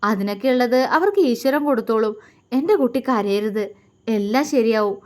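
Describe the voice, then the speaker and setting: A woman voicing a gentle, grieving middle-aged mother who speaks in soft, tearful pleas. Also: on the high side, animated, moderate pace, natural voice. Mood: sorrowful.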